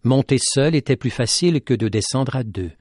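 A man narrating a tale in an expressive, dramatic reading style. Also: medium pitch, normal speed, no echo, studio quality. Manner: dramatic, rising with tension. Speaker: storyteller.

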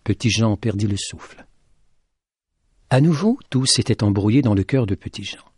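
A man narrating a storybook aloud in a slow, expressive, soft reading voice. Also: on the low side, husky, no room sound, clean studio sound.

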